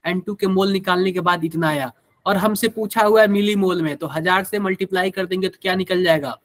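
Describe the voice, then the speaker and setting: A man's voice: high-pitched, a little fast, no room sound. A man with a Hindi accent teaching a live online chemistry class, quizzing students and using everyday examples.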